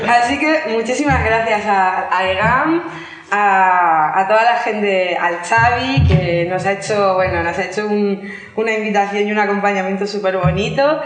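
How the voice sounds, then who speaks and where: A woman from Murcia giving a talk at a conference, speaking with many restarts and fillers. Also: mid-range voice. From Murcia, Spain. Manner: hesitant restarts, filler-heavy, engaged. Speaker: invited speaker. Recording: echoey hall.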